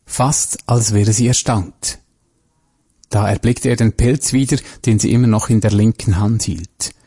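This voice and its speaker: A man narrates a crime story at a measured, even pace. His voice is dark and mellow, with a husky edge. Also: on the low side.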